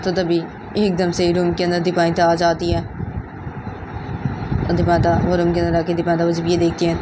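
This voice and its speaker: A woman narrating a serialized story in a quiet, repetitive way. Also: fairly low pitch, background noise.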